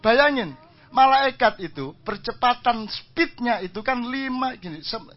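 A man's voice: extremely high pitch, a little slow. Jokey man, lo-fi recording. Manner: jokey, animated, laughs often, mixes in Javanese phrases. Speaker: speaker addressing an audience. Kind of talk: storytelling talk with humor. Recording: dull lo-fi recording.

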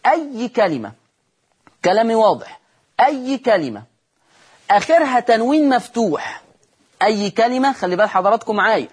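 A man's voice: sits high, big pitch swings, moderate pace, long pauses, breathy edge. A man with an Egyptian accent teaching Quran recitation rules on a TV lesson, repeating key terms and answering his own questions. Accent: Egyptian Arabic.

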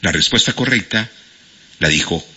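A man's voice: low-pitched, moderate pace, breathy edge. A man with a Colombian Spanish accent hosting a radio quiz, reading out listeners' answers. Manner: animated, reads out listener answers. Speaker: radio host. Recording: lo-fi radio broadcast.

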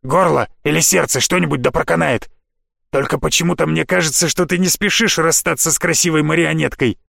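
A man reading an audiobook, voicing a furious, sarcastic male assassin with a rough, gravelly, aggressive delivery. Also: fairly high pitch, steady tone, brisk, a bit bright, dry recording, clean studio sound, heavily acted. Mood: enraged.

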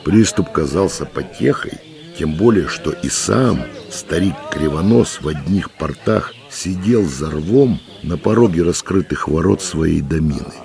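A man narrating a historical audiobook in a measured storytelling manner, with music behind. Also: extremely low pitch, lively intonation, gravelly, darkish tone.

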